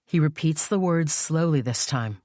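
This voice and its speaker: A woman's voice: low-pitched, expressive, normal speed, warm tone, no echo, clean studio sound. A woman narrating a first-person thriller audiobook, voicing her dialogue with emotion.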